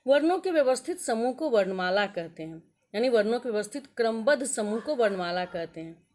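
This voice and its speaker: A woman teacher giving a grammar lesson to young pupils, speaking slowly and deliberately and sounding out letters one at a time. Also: on the high side, lively intonation, a little mellow. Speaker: school teacher.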